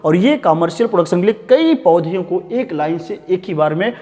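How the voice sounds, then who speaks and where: In Hinglish, a high-voiced man preps students for a biology exam, calling them "beta" and repeating "dhyan denge" to get their attention. He reads textbook lines slowly and then explains them rapidly, his animated voice dark in tone and trailed by a long reverb.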